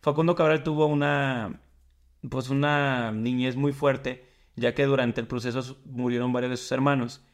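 A man's voice: mid-range voice, fairly even intonation, moderate pace. Guy on a podcast, chill, wanders through his stories. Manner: reflective, meandering storyteller. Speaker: podcast co-host. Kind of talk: casual podcast chat.

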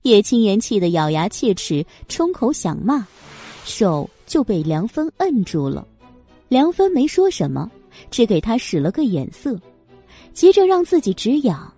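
Lively woman reading a novel aloud. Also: on the high side, a little slow, soft background music. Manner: expressive, lively storytelling. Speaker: audiobook narrator. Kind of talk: scripted novel narration.

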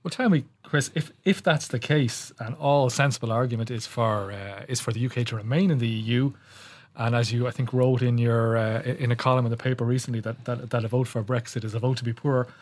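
Guy hosting a business podcast, normal pitch, interviewer style. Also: brisk, darkish tone, no echo.

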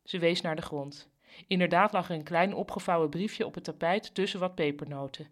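A woman's voice: fairly low pitch, brisk. A woman narrating a serialized comic story in a dry, matter-of-fact way.

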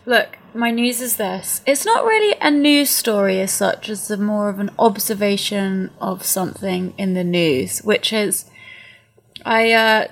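An English woman chats as a podcast co-host, her voice carrying a gravelly, fry-tinged edge. She offers dry, wry remarks in an easy, conversational way. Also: mid-range voice. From England. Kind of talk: casual chat.

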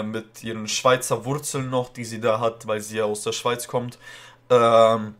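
A man with a rolled R, talking in a loose, slangy way as he hosts a music reaction video. His voice sits in an ordinary middle pitch for a man. He keeps coming back to friendly asides to his viewers. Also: fairly bright tone. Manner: loose slangy talk, often says "Freunde". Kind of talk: casual reaction commentary.

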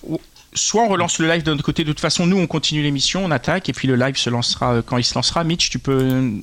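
A male radio host with a slightly high voice runs a live call-in show. His tone is easygoing and chatty, and he passes the floor to each caller. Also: fast talker, fairly bright tone, no echo.

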